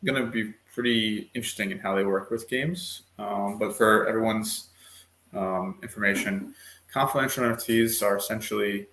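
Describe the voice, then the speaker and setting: Bright-voiced man in an echoey room. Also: on the low side, steady tone, normal speed, a little hiss or hum. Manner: explanatory, many ums. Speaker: panel guest. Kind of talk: online panel discussion.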